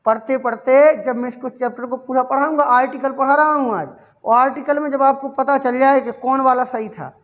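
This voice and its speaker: A man's voice: very high-pitched, a bit bright. A male English grammar teacher giving a classroom lecture, asking the class questions over and over, answering them himself, and fondly calling his students child.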